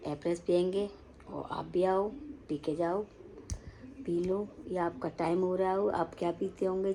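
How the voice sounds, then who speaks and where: Chatty woman home vlogger, mid-pitched voice. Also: vocal fry, warm tone, slight background noise, poor audio. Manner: chatty, addresses viewers as sister and brother. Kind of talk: casual home vlog chat.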